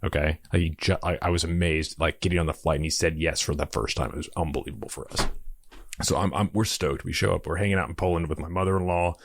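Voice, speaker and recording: A man guesting on a podcast, telling stories in an animated way and laughing often. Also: sits low, fast, no echo. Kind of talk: casual podcast conversation.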